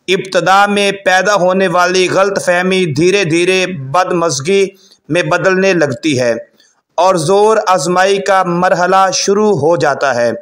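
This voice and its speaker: A man presenting scripted parenting advice in a measured, formal way, delivered in short phrases. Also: high voice, fairly bright tone.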